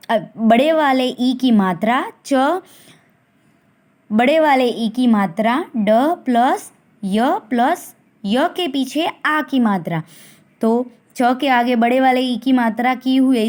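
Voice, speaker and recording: A woman teacher with a high voice, leading a recorded lesson for young children. She speaks at an unhurried crawl, drawing each syllable out carefully so the class can follow and repeat after her. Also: a little mellow. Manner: slow, deliberate, stretching syllables to model pronunciation. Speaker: primary school teacher.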